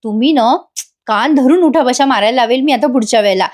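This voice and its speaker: A woman's voice: high-pitched, fairly quick, darkish tone, lightly acted. A woman voicing a young wife who chides her forgetful husband in a bashful, scolding manner. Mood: chiding.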